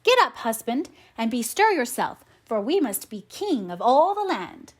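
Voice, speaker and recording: A woman's voice: on the high side, sing-song, unhurried. A woman voicing a greedy, imperious fisherman's wife who insists on having her way in a storybook. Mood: insistent.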